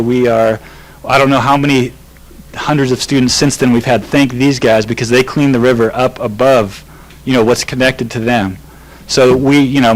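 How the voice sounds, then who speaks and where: This young man speaks in a casual, rambling way, upbeat and loose, with frequent fillers. He is addressing a city council chamber, with his voice pitched in an ordinary middle range. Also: rough recording. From California. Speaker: river trip leader. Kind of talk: informal public remarks.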